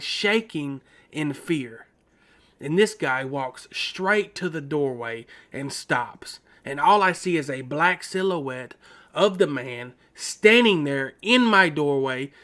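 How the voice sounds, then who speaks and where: A man narrates his own haunting story in an earnest, dramatic way, repeating phrases for weight. His voice sits a little higher than most men's. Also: bright, forceful tone. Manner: earnest, dramatic retelling with repetitions. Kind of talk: first-person paranormal story narration.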